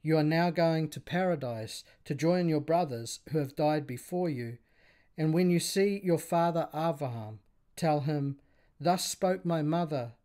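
A man's voice: fairly high pitch, a little slow, dark tone, natural voice. A man reading the lines of a grieving, defiant mother of seven sons in a story told aloud. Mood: tender, resolute. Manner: pleading then defiant, read aloud.

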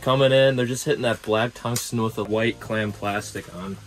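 A young man giving casual play-by-play while ice fishing, often murmuring quietly as he reels fish in, recorded inside an ice fishing shelter by a wide camera. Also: fairly even intonation, moderate pace, music in the background, low-quality recording. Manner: laid-back, often murmured low while reeling in fish. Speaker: fishing vlogger.

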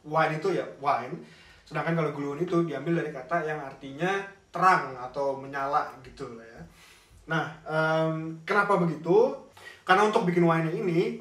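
A man's voice: a little high, husky. A young man in his twenties giving a casual, chatty cooking tutorial in a home kitchen, filmed by a camera at a distance. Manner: relaxed, chatty, drawn-out words. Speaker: cooking vlogger. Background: loud music.

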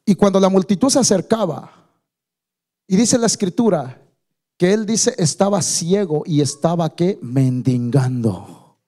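A man preaching a sermon as pastor. He builds to loud, fervent climaxes and keeps calling the listeners brother. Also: high-pitched, moderate pace.

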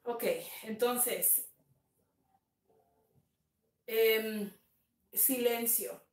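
A woman pastor speaking slowly and tenderly on a livestream, sharing a testimony and greeting viewers, sometimes slipping in English words. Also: fairly high pitch, steady tone, echoey room, distant mic. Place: home room, dim. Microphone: phone on a live stream.

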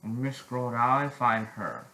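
A teenage boy chatting casually in a vlog, halting with many restarts and frequent throat clearing. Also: medium pitch, big pitch swings, sharp tone, reverberant, low-quality recording. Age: teens. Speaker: vlogger.

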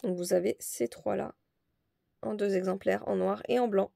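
Woman, crafting haul vlogger, warm mellow tone, slight fry, halting chatty delivery. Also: mid-range voice, fairly even intonation, dry recording, studio quality. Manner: hesitant, many fillers, chatty. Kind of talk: casual show-and-tell haul.

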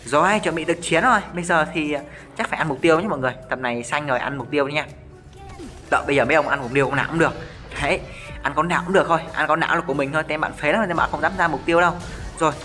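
Fast, bright-voiced excitable gaming man. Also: medium pitch. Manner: excitable, rapid repeated callouts to viewers. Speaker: gaming streamer. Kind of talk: live gameplay commentary.

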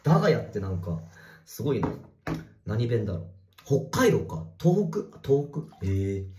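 A man livestreaming from a bathroom, reading viewer comments in casual chat and swearing at commenters in a rough, teasing way. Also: on the low side, very animated, normal speed, a little mellow, a little hiss or hum. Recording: echoey bathroom.

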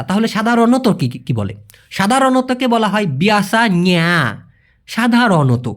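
In a high voice, a man runs an informal language lesson, answering viewers' questions in a chatty manner. He repeats key words and checks that the listener has understood.

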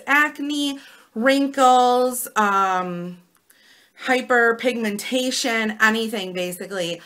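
A woman in her thirties with an American Midwestern accent and a raspy voice, chatting casually and in a rambling way to camera as a vlogger. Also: a little high, pushed and bright.

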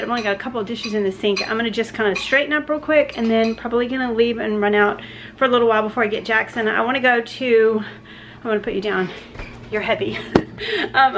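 A chatty woman talks her way through a home vlog, rambling with restarts and fillers. Her voice sits a little high, and faint room noise hangs behind her. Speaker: vlogger. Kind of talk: casual day-in-the-life vlog.

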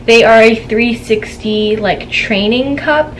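A young woman with a voice on the high side talks slowly to a tripod camera while seated at home. Her haul chat is casual, chatty, and giggly, full of gossipy stories, and the indoor room is noisy.

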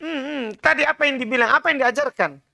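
A man's voice: very high-pitched, fast, gravelly, bright, forceful tone. A man teaching an Arabic class, drilling his students with patient, repeated prompts and corrections. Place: prayer room classroom.

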